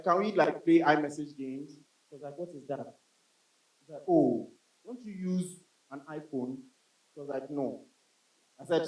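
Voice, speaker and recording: A man doing stand-up comedy on a club stage in a chatty style, addressing the crowd as bro. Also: fairly high pitch. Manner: conversational, addresses the audience as bro. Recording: roomy club sound from a distance.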